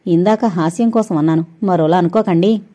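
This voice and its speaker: A woman's voice: lowish voice, warm tone, natural voice. Witty young woman, read by a woman narrator. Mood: teasing. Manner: playful, quick retorts.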